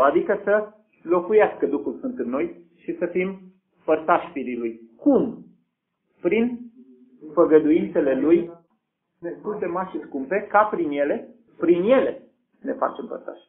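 A man's voice: high voice, lively intonation. A man preaching a sermon who keeps asking his listeners questions and answering them himself. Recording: tinny phone-like recording.

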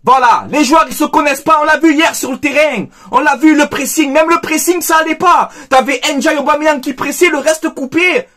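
Angry man, very high voice, emphatic football fan ranting to camera. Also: normal speed, few pauses, pushed and bright. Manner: heated, emphatic, repeats phrases, addresses viewers as "les gars". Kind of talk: angry post-match debrief monologue.

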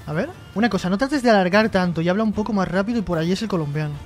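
Man, high voice, live-stream host, jokey reading chat aloud, light music in the background. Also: rapid-fire. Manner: joking, reads chat messages aloud and replies.

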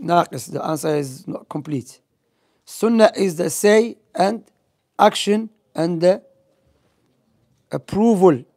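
Speaking slowly with long pauses, a young man with a high, slightly mellow voice teaches an informal Islamic lesson. He's a religious teacher who tells stories and asks quiz questions in non-native English sprinkled with Arabic terms. He's recorded in a small indoor library room on a gooseneck microphone close to his mouth.

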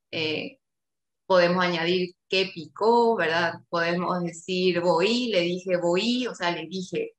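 A woman's voice: medium pitch, fairly bright tone, roomy sound. A woman with a Paraguayan Spanish accent giving an academic seminar talk, explaining with many tag questions and fillers over a video call. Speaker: linguistics researcher.

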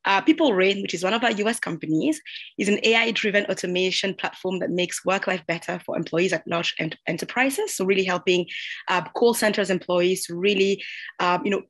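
A woman's voice: medium pitch, a little fast, fairly bright tone, no echo. A young woman from Cameroon and Madagascar presenting her venture fund on a video call, earnest, with frequent fillers and restarts. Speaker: venture associate.

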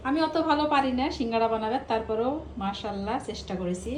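A woman's voice: on the high side, fast, slight background noise. A middle-aged woman, talking nonstop in a casual home vlog and scolding her family. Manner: scolding, talkative, nags loudly. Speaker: vlogger and mother. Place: home kitchen and bedroom.

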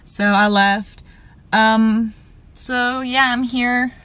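A young woman sits in her parked car and talks into a handheld camcorder, her voice a touch high. She rambles and restarts, shaken and nervous after a scare. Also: fairly even intonation, extremely slow, fairly bright tone, clear, resonant tone, no echo. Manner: rambling and jittery, many fillers and restarts. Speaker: vlogger. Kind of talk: casual vlog in a parked car.

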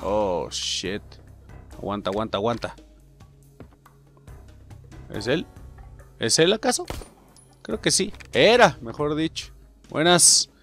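Excitable Mexican man gaming. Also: mid-range voice, slow pace, pauses often, faint music behind. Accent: Mexican Spanish. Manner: excitable, profane, jokey, addresses viewers. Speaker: gaming channel host. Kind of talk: gameplay commentary.

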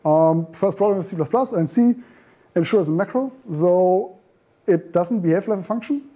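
The far camera at the back of the meeting room records a thirty-something meetup speaker giving an informal conference talk. He sits high in pitch, with a dark tone and moderate pace, and often stumbles through ums, restarts, and corrections of himself.

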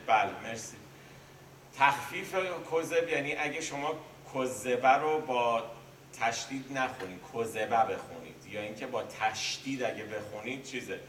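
A man's voice: mid-range voice, fairly bright tone, slight background noise. Man teaching poetry in an echoey room. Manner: recites verses, then explains them loosely with pauses and self-corrections. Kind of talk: explaining classical poetry in casual speech. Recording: echoey room, mic at a distance.

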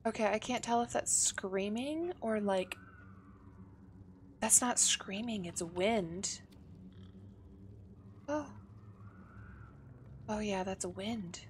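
A woman's voice: mid-range voice, takes it slowly, long pauses, slight background noise. A woman streaming a horror game live, jumpy and profane, exclaiming and gasping often. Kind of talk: live gaming stream commentary.

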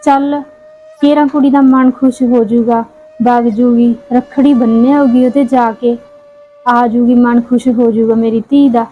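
Woman playing a soothing, high-voiced young mother. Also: level tone, normal speed, natural voice. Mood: wistful. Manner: soothing, coaxing, repeats endearments. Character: caring young mother consoling her daughter. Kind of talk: amateur short-film acting. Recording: dull lo-fi sound, faint music.

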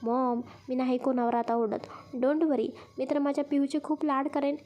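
A woman's voice: high-pitched, level tone, normal speed, dark tone, natural voice. A woman voicing a short-tempered but protective young newlywed man in a spoken story. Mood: brusque. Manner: curt, scolding.

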